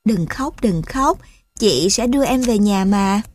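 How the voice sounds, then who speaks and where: Kind big-sister rabbit, gentle and a bit deeper; female narrator doing it. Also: lively intonation, unhurried, no echo. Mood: soothing. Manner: gentle, soothing.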